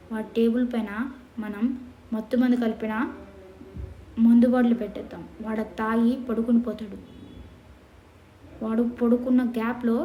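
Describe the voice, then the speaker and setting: A woman performing comic skit dialogue in an animated, bossy way. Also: on the high side, reverberant, slight background noise, low-quality recording. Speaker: comedy sketch performer.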